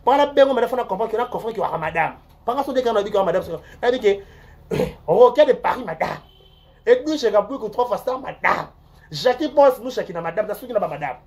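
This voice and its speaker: Here an online show host with a Congolese accent gossips in a rambling, animated way, repeating words and shifting from loud outbursts to mutters. The pitch is medium and the delivery a little fast.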